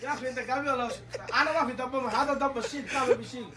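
A man's voice: very high voice, steady tone, rapid-fire. A man bantering and teasing outdoors in a playful, joking way. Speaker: prankster in funny clips. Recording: outdoor clip with loud crowd.

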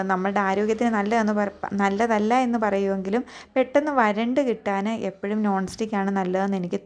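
A woman's voice: medium pitch, a little mellow. A young adult woman with a Keralite Malayalam accent, giving chatty voice-over narration for a home cooking vlog and often turning to ask viewers for their thoughts. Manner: chatty, tags many sentences with a friendly aside, asks viewers to share. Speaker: cooking vlogger. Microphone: voice-over recorded separately.

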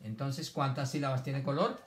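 In an online lesson, a man teaches children to read and spell, dictating words slowly, breaking them into syllables, and praising his pupils. His voice is mid-range, and the recording is very noisy.

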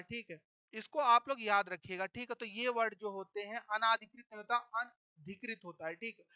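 A man's voice: high voice, bright, forceful tone, clean tone. A male teacher giving an exam-prep lecture, explaining step by step and checking in with "okay" after nearly every point. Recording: dull lo-fi sound.

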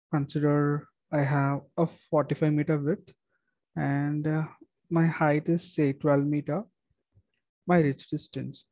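A young man who is a structural engineer, giving a methodical screen-recorded software walkthrough with frequent fillers and restarts. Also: fairly high pitch, dry recording, low-quality recording.

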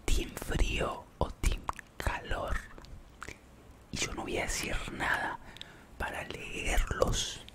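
A man with a Rioplatense Spanish accent whispers softly as an ASMR live streamer, chatting with viewers in a playful, rambling way. He speaks slowly, with long pauses.

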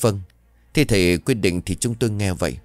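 A man's voice: fairly low pitch, moderate pace, dry recording, faint music behind, close to an everyday voice. A man voicing a grieving middle-aged father, speaking in a choked, emotional way. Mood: subdued.

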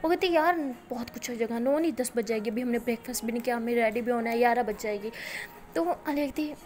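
High-voiced young Indian woman storyteller. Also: fast. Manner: switches between soft narration and lively voiced dialogue. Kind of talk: narrated love story with acted dialogue.

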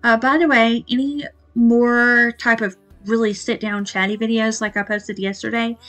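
Indoors in a small home kitchen, with soft background music, a woman vlogs about homemaking, talking casually and rambling with fillers. She speaks at a moderate pace in a fairly high voice with little pitch movement.

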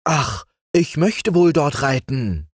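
A man's voice: mid-range voice, expressive, unhurried, no echo, studio quality, voice pushed up. A man reading aloud voices a restless young village lad, eager and pleading. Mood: yearning.

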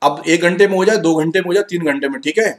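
Energetic Indian male teacher. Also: high-pitched. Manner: energetic, coaxing students, reads sentences slowly then murmurs while checking. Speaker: exam-prep English teacher. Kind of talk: live online class, Hinglish. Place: online live class.

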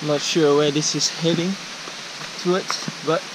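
A man's voice: on the high side, steady tone, measured pace. Young man vlogging on a jungle trail. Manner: chatty, thinking aloud while walking. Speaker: travel vlogger. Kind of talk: casual hiking vlog narration. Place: outdoors on a rainy jungle trail. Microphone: action camera held at arm's length. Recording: outdoor camera audio with clear rain and stream noise.

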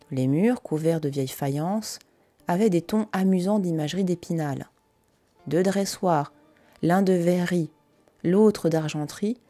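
Lady streamer reading an old novel out loud, lowish warm voice, bit of music playing behind. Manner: casual, filler-heavy asides between read passages. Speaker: live-stream reader and host. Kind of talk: reading a classic novel aloud with chatty asides.

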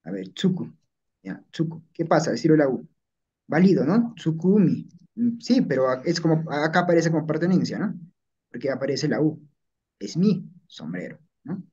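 Husky male teacher, slightly high voice. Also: lively intonation, normal speed, warm tone. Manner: explains patiently, checking in with "¿no?" and "¿ya?". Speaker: language teacher. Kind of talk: classroom lesson. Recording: dull lo-fi recording.

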